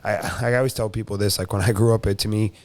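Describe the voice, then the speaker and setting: Guest: man in his thirties, raised in South Florida, low, dry close-mic sound, loose chatty delivery. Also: steady tone, quick pace, a little mellow, no room sound. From Brazil, raised in South Florida. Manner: rambling, frequent "you know" and "uh" fillers. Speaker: guest, jiu-jitsu competitor and coach. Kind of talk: casual interview chat.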